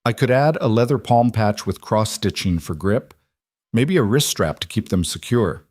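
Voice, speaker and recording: A man's voice: lowish voice, expressive, moderate pace, darkish tone, dry recording, studio quality. A man voicing a determined, practical young seamstress in a storybook tale. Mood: brisk.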